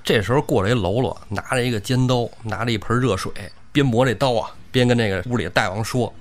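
一位男性播客主持人用生动幽默的方式讲述古典小说故事。. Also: male voice, mid-range voice, fast talker. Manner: animated, humorous retelling. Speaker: podcast co-host, storyteller. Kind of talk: lively storytelling chat.

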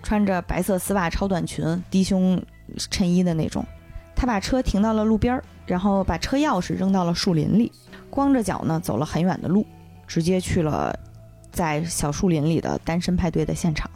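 A woman podcast host in casual chat, retelling a film plot with animated storytelling and briefly acting out the characters' lines. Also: lowish voice, normal speed, soft background music.

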